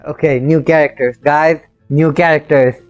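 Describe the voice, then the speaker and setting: Woman game streamer, low-pitched, reactive chatter to viewers. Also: steady tone, a little slow, a little mellow, muffled recording, soft background music. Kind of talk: live game-stream commentary.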